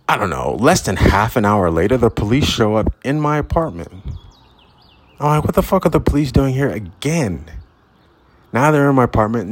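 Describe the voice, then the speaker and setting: A low-voiced man with a husky, grainy tone tells a personal story in a loose, rambling way. He is candid and swears freely, talking outdoors as if to a friend. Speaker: vlogger. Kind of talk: casual storytelling. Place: outdoors at sunrise.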